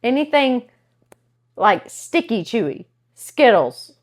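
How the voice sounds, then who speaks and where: Woman, podcast co-host, animated storyteller, wide-ranging pitch, playful delivery. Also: slow pace. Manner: animated, laughs often, acts out quotes. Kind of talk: casual chat.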